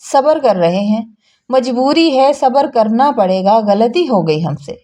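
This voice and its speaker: A complaining older mother-in-law, put on by a woman narrator, grumbling in a raised, mellow voice. She sounds put-upon and martyred in this told story. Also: a little high, animated, unhurried.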